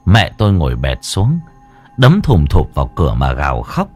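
A man's voice: wildly swooping pitch, moderate pace, a little mellow. A man narrating a horror story in a dramatic, tense way. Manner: dramatic, tense storytelling with wide swings in pitch. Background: faint background music.

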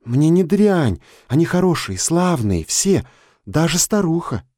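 A man's voice: a little high, sing-song, a little slow, warm tone, no echo, studio quality, voice pushed up. A man voicing a timid, earnest young girl who talks in a hesitant, pleading way.

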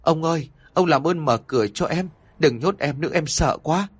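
A man's voice: on the high side, lively intonation, moderate pace, breathy edge, dry recording, pitched above the performer's own voice. A man voicing a frightened young wife who begs tearfully in a raised voice. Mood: pleading.

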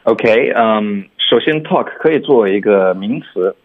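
A man working as an English teacher on a radio lesson, explaining pronunciation in a relaxed way and dropping English words into his speech. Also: lowish voice, a little slow, narrow, tinny audio.

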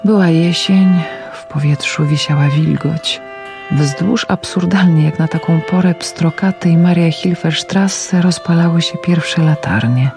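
A woman reading first-person literary prose for radio in a quiet, reflective manner that sinks into whispers. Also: deep voice, a little slow. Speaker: radio reader. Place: radio studio. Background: music.

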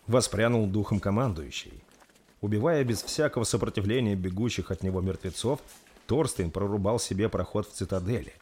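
A man reading a dark fantasy story aloud in a steady, dramatic narration. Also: on the low side, fairly quick, breathy edge. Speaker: audiobook narrator.

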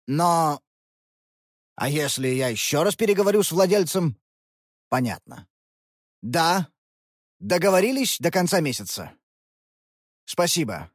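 A weary middle-aged father from a children's storybook, speaking low and subdued with an apologetic heaviness, as a woman narrator puts him on. His pitch still rises and falls a lot, with a breathy edge. Dry, close sound with faint music underneath. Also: dry recording, heavily acted. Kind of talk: audiobook character voice.

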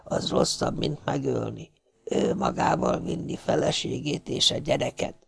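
A man's voice: fairly low pitch, huge pitch swings, gravelly, full character voice. A man voicing a dying, wounded male ship's cook who whispers faintly in broken grammar. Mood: gasping.

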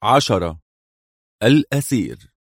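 A man narrating an audiobook thriller in a measured, dramatic storytelling manner. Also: lowish voice, very animated, dry recording, clean studio sound.

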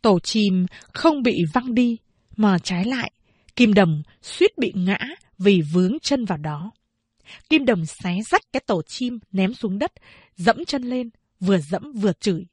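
Woman audiobook narrator, slow and measured, dry close sound. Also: medium pitch, expressive, darkish tone, slightly rough, no room sound. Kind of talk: scripted narration of a novel.

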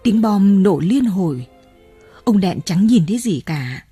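A woman narrating a novel as an audiobook in a steady, measured storytelling manner. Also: medium pitch, husky. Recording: dry close mic, faint music.

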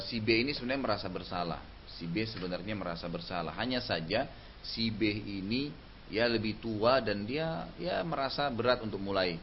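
Man preaching a casual lo-fi sermon. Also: fairly low pitch. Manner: conversational, frequent tag phrases. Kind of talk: Islamic lecture. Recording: dull lo-fi recording with faint hiss.

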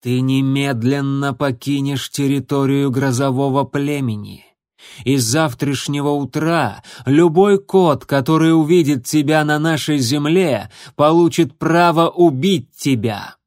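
A man voicing a stern female cat who leads her clan, speaking in a sharp, commanding way. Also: mid-range voice, a little slow, no echo, clean studio sound, lightly acted.

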